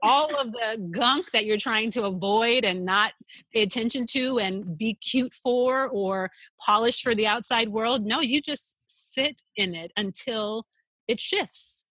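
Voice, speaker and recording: Woman podcast guest, earnest and reflective, bright clear voice, close dry mic. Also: fairly high pitch, a little slow, dry recording. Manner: earnest, speaks in flowing lists. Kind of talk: reflective interview answers.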